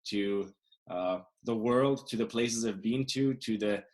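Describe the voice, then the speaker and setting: Male host from Germany, somewhat low voice, thoughtful and stop-start. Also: darkish tone. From Germany, Bavaria. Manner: reflective, halting with repeated words. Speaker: podcast host. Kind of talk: casual interview talk.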